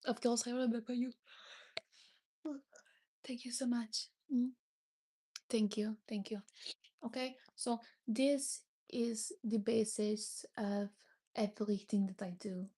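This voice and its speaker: A young woman with a noticeable French accent hosts a relaxed livestream chat. Her voice sits a little higher than most, and she talks in a friendly, easygoing way. She greets and thanks viewers and now and then pauses to find the right English word. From France. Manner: chatty, thanks viewers, searches for English words. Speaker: livestream host.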